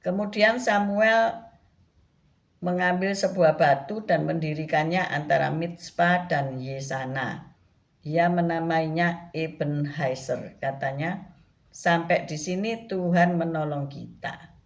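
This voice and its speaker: A woman pastor giving a devotional Bible teaching, speaking gently and often adding a soft "ya". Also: low voice. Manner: slow, gentle, frequent tag "ya".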